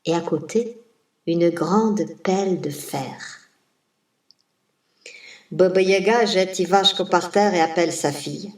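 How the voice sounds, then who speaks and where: Woman storyteller, folk tale, slow rhythmic telling, roomy echo. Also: lowish voice, darkish tone. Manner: slow, rhythmic, savoring listed words. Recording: roomy, distant mic.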